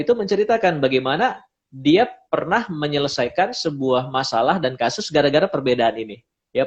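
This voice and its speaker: In a muffled recording, a man with a mid-range voice gives a relaxed talk at a pre-marriage class. He explains his points and acts out the speech he quotes.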